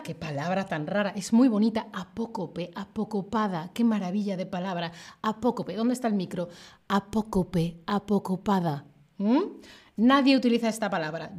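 A woman from southern Spain teaching a live-streamed Spanish lesson in a neutral Castilian accent, animated and playful, reading viewers' comments aloud. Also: a little high. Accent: neutral Castilian Spanish, softened southern Spain.

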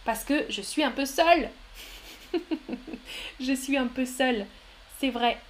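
A woman's voice: high voice, takes it slowly, slight background noise. A woman teaching French on a live stream, patiently explaining grammar with examples and often praising viewers' answers. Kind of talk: live-stream language lesson answering chat.

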